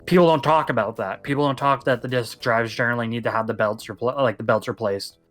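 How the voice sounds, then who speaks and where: A man's voice: mid-range voice, steady tone, fast talker, a bit bright, faint music behind. A young man co-hosting a casual podcast, rambling and emphatic as he talks at length. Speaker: podcast co-host. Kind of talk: casual chat.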